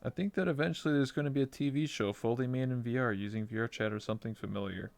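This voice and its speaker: A man's voice: medium pitch, quick pace, gravelly, no echo. A man chatting casually in a rambling, slangy, sweary way. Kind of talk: casual interview chat.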